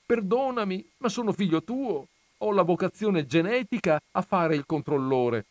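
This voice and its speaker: Man doing a small alien boy, high childish voice, whiny, pleading, lively lilt, storybook reading. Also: normal speed, no room sound.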